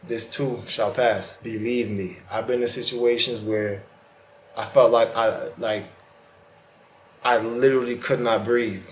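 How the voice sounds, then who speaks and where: Speaking a little slowly, a man with a medium-pitched, steady voice is recorded in a roomy space with slight background noise. He's a self-help vlog host whose retainer causes a slight lisp and slur, and he offers a casual, earnest, colloquial motivational monologue straight to the viewer.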